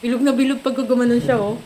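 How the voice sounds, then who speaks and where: A woman's voice: fairly high pitch, fairly even intonation, brisk, dark tone, slight background noise, poor audio. A woman from the Philippines, feverish and unwell, vlogging at home and coaxing her cat in playful baby-talk with frequent giggles. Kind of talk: casual home vlog talk. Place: at home indoors.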